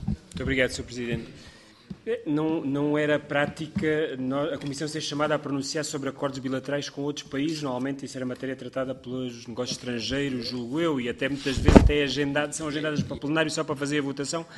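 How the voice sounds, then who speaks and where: A man's voice: medium pitch, little pitch movement, heavy background noise. A man with a European Portuguese accent, a member of parliament, debating in committee and thinking aloud. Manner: quick, thinking aloud, self-correcting.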